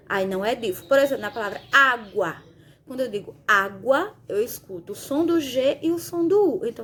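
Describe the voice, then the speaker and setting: A woman teacher patiently explaining a lesson in Brazilian Portuguese, spelling letters out slowly and checking in with her students often. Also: on the high side, darkish tone, slight background noise. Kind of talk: recorded lesson explaining exercise answers.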